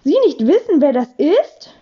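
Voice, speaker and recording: A woman's voice: high-pitched, sing-song, normal speed, muffled recording, pitched above the performer's own voice. A woman voicing a cheerful English teacher who speaks broken German with an English accent. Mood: eager.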